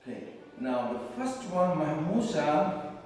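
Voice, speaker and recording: A man teaching a classroom lesson, slowly repeating and drilling terms with his students. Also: a little high, big pitch swings, darkish tone. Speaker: tajweed teacher. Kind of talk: classroom lecture. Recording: echoey hall, mic far off, faint noise.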